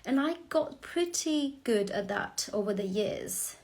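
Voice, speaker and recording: A woman in her forties from Romania hosts her first live stream, speaking slowly and hesitantly with many fillers. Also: fairly high pitch, animated, a little mellow. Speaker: host.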